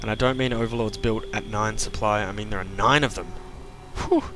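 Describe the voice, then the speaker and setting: A young man casting a strategy game match play-by-play, chatty and self-mocking with quick asides. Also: lowish voice, fairly even intonation, a bit bright. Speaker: esports caster. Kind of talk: play-by-play commentary.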